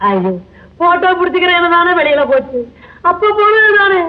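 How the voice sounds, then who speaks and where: A man's voice: very high-pitched, very animated, a little fast. An actor playing a worried father whose daughter has gone missing, with a fretful, wailing manner. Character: flustered fussy middle-aged father. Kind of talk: 1960s Tamil film comedy acting. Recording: dull old film soundtrack.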